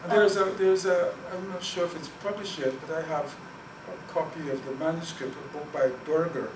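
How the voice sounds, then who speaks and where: This man from Guyana, a guest speaker on Caribbean languages, lectures and answers questions at normal speed in a steady voice on the high side. Earnest throughout, he repeats words while thinking. The sound is echoey, noisy and distantly miked.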